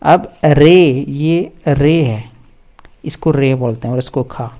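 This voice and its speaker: Slow, patient man teaching Vedic chanting. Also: mid-range voice, dark tone. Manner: patient, drawn-out syllable-by-syllable drilling. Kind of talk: slow spoken recitation lesson.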